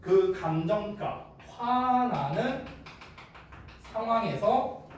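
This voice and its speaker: A man's voice: high voice, lively intonation, very slow, a little hiss or hum. A man in his thirties teaching an exam-prep English lecture, casual and teasing, often checking in with his students. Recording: echoey room, mic at a distance.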